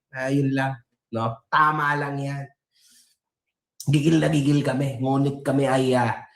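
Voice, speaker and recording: A man's voice: fairly high pitch, a bit bright, echoey room. A man from San Pablo, Laguna, in the Philippines, talking to his viewers in a boisterous, joking way, laughing often and swearing casually. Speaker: vlogger.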